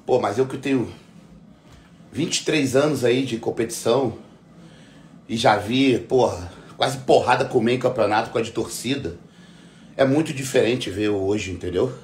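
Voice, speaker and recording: A middle-aged bodybuilding competitor, ranting in casual, heavily profane talk and repeating himself for emphasis. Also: male voice, medium pitch, moderate pace, a little mellow, slight background noise. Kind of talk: casual conversational rant. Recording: echoey room.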